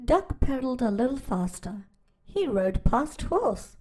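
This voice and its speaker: A woman reading a children's picture book aloud, unhurried and slow. Her pitch is on the high side and moves a lot, rising and falling with the story. She asks gentle, teacher-like questions between pages. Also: sing-song. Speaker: storytime channel host.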